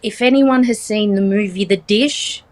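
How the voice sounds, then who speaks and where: An Australian woman in her forties talks as an interview guest. She is chatty and unhurried, with frequent ums and a light teasing humor. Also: medium pitch, a little mellow. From Australia, Central West New South Wales. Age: 40s. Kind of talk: casual interview chat.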